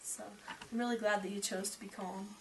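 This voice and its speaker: A middle-aged woman speaks in a calm, gentle, reassuring way as a parenting teacher. Her voice sits at an ordinary pitch for a woman. The recording is taken from a distance, with a faint hiss behind it. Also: fairly quick.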